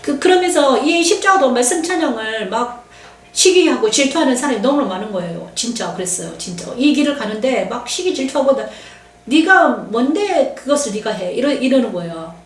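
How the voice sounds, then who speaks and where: A woman's voice: high voice, lively intonation, fairly quick, distant mic. A middle-aged woman pastor giving an emotional, confiding testimony sermon and acting out what others said. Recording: echoey room, voice from off-mic.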